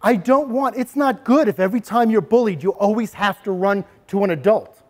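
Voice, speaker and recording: A man presenting a bully prevention workshop to parents and children, animated and acting out examples as he goes. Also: high-pitched, brisk. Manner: animated, acts out examples with sudden voice changes. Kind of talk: interactive workshop talk to parents and kids.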